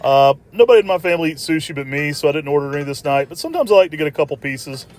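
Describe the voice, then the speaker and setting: A male food vlogger talks casually over his restaurant footage. His delivery is very quick and chatty, in a slightly high voice, with informal repeats. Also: expressive, a little mellow.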